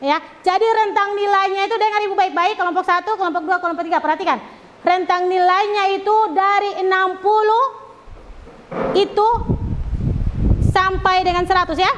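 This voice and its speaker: A woman's voice: very high-pitched, steady tone, normal speed, fairly bright tone, big-room sound, muffled recording, a little hiss or hum. A woman teacher giving directions to her class, checking often that students are ready. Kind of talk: classroom instruction.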